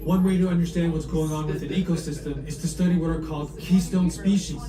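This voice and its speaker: A man's voice: a little high, steady tone, fast talker, a crowd in the background. A man working as a theme park guide, delivering a scripted briefing to guests. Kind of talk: scripted live attraction briefing. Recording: echoey room, distant, noisy.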